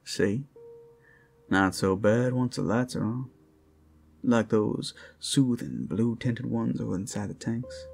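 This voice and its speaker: A man's mid-range voice, slow, a little mellow and exaggerated, brings to life a playful werewolf in ASMR character acting. Flirtatious and friendly, he teases and sweet-talks one listener.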